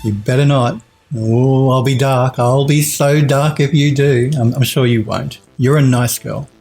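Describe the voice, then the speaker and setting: A man's voice: mid-range voice, steady tone, measured pace, darkish tone, soft background music. Chatty Australian man streaming. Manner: rambling, chatty, many restarts and chuckles. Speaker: 3D modelling streamer. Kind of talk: casual live-stream chat reading viewer comments. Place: home studio at a desk.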